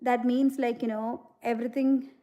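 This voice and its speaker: A woman's voice: fairly high pitch, little pitch movement, normal speed, dark tone, dull audio. A woman from India, hosting a casual livestream. She speaks earnestly and reflectively, with many "you know" fillers, and reads out and answers viewer comments. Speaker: livestream host.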